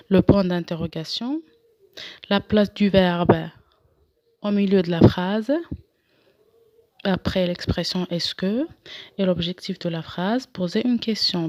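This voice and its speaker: A woman's voice: mid-range voice, a little mellow, no room sound. A woman teacher going through a French grammar lesson, reading out exercises and explaining them patiently step by step. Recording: dull lo-fi sound, dry.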